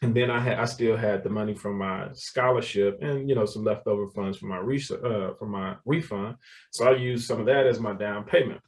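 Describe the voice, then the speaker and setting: A man's voice: lowish voice, moderate pace, far from the mic. Laughing man, mic held back. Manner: animated storyteller, laughs often, repeats words. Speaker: guest, real estate developer. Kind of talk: casual interview talk.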